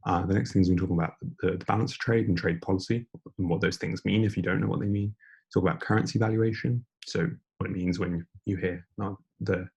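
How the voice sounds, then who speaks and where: A young man giving an informal online lecture, speaking in a hushed near-whisper as quietly as possible, breathy as if losing his voice. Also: low voice, steady tone, quick pace. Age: young adult. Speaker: debating lecturer.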